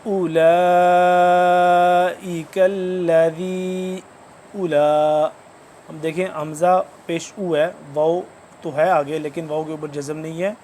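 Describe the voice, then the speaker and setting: A man with a fairly high, level voice gives a recorded lesson on Quran recitation. He speaks in a measured, formal way and explains each point step by step, with a faint background hiss. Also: flat delivery, darkish tone. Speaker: Quran teacher.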